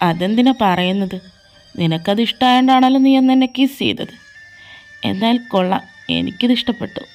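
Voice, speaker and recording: A woman voicing a jealous, possessive young man in a fan audio drama, taunting and domineering. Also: natural voice. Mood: menacing. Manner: taunting, domineering, slow and low. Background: faint background music.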